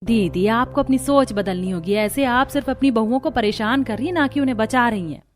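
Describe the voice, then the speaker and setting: A level-headed older woman from a cartoon story, played by a woman. She reasons gently and calmly, with a voice slightly high for a woman. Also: brisk, faint music behind, close to an everyday voice. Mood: reasoning. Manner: calm, reasoning. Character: calm, reasonable older sister-in-law. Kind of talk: cartoon dubbing.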